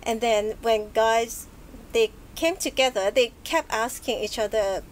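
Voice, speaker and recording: A woman from Hong Kong, a podcast guest, speaking in a soft, thoughtful way with many hesitations and light laughs in a casual interview chat. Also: a little high, measured pace, a little hiss or hum, poor audio. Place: bookshop, live recording.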